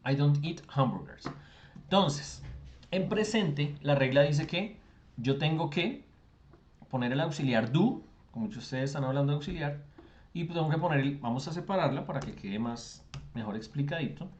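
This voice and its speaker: A man's voice: fairly high pitch, animated, normal speed, slight background noise. Male tutor, chatty, rhetorical questions, video call, slightly muffled sound. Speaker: English tutor. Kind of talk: online class explanation.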